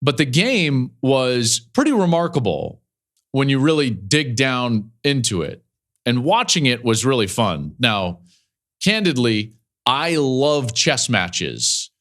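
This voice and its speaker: A man's voice: mid-range voice, big pitch swings, takes it slowly, a bit bright. A middle-aged man hosting a sports podcast, talking in a chatty, conversational way with frequent fillers. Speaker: podcast host and football analyst. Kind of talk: casual podcast talk.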